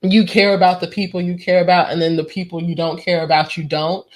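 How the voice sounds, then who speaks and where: A woman's voice: lowish voice, flat delivery, fairly quick. A pregnant young woman co-hosting a casual couple's podcast, teasing and arguing with a laugh. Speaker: podcast co-host.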